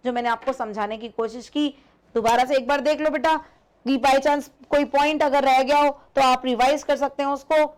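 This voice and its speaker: A woman teaching an online English grammar lesson, explaining slowly, repeating points and calling her students "beta". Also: high voice, smooth.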